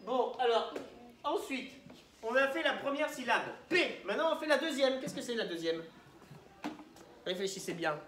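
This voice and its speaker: A woman teaches a class of young children, patiently asking questions and drawing out their answers. Her voice sits a little high. The sound is echoey and distant, as if recorded from across a classroom. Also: lively intonation, moderate pace, long pauses, noisy background.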